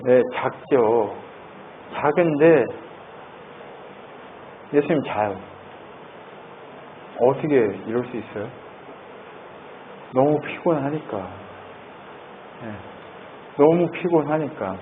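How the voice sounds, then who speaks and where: Man preaching, lively, animated swings in pitch, tinny phone-like sound, faint noise. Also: slow pace, long pauses. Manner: lively, keeps asking the congregation questions. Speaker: pastor. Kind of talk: sermon.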